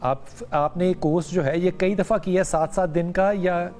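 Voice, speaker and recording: A man's voice: high voice, steady tone, a little mellow. A man hosting a podcast, politely asking short questions and taking a caller. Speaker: podcast host. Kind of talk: interviewing and taking calls.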